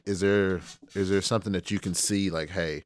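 A man's voice: deep voice, steady tone, moderate pace. A man hosting a casual podcast interview, laid-back, with many short reactions and questions.

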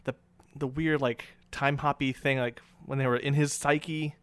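A man with a mid-pitched voice speaks in a very dry recording, free of room echo. He discusses a film casually and haltingly, breaking up his thoughts and mimicking his own reactions. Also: steady tone, fairly bright tone, clean tone. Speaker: movie review panelist.

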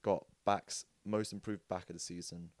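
A young man, a podcast guest telling rugby stories in a casual, animated way. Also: low voice, normal speed, no room sound. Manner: animated storyteller, acts out quotes with jokes and laughs. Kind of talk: casual storytelling chat.

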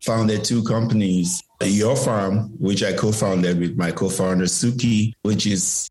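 A man from Cameroon, a pharmacist and founder, talking as an interview guest in a relaxed way with many restarts. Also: lowish voice, measured pace, roomy sound, faint music behind, poor audio. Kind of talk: casual interview.

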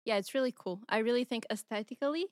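A woman's voice: a little high, fast talker, dry recording, studio quality. Giggly chatty woman co-host. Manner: giggly, chatty, eating while talking. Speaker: podcast co-host. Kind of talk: casual chat.

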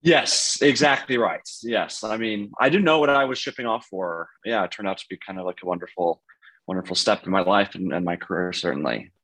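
A man's voice: sits low, fairly quick, a bit bright, rough recording. A man in his thirties, a podcast guest, answering casually and hesitantly, full of "you know" and "like". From United States.

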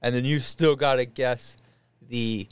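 Man with a smooth, resonant voice. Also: medium pitch, fairly even intonation, measured pace, no room sound. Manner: laid-back, explains rules while reading clues. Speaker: podcast host running a guessing game. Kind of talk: casual group chat.

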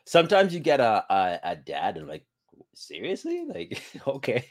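A man's voice: lowish voice, sing-song, moderate pace. Laid-back opinionated man co-host. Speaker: podcast co-host. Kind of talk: casual chat.

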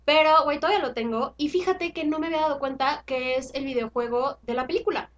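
A woman's voice: sits high, fast, dull audio, slight background noise. A woman in her twenties with a Mexican accent, co-hosting a podcast in an enthusiastic, slangy and frank way. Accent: Mexican Spanish. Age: 20s. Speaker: podcast co-host. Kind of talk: casual chat.

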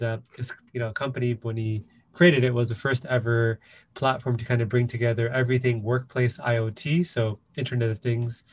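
A man hosts a podcast and introduces his guest, his voice sitting in a middle pitch. He talks in a chatty, upbeat way, dropping in "uh" and "kind of" as he goes. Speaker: podcast host. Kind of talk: casual interview hosting.

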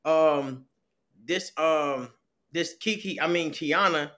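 A man co-hosting a casual podcast, retelling a story with lively quoted dialogue. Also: a little high, takes it slowly. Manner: animated storyteller acting out quotes. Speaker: podcast co-host. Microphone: remote call mic.

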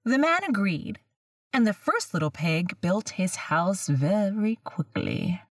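Woman horror host, very slow and theatrical. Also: lowish voice, lively intonation, dry recording, clean studio sound, distant mic. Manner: slow, ominous, dramatic delivery. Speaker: host of a scary story series.

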